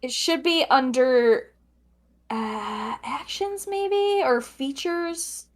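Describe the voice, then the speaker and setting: A woman's voice: high-pitched, expressive, extremely slow. A woman narrating as game master in a casual tabletop session, laughing and humming while she checks the rules.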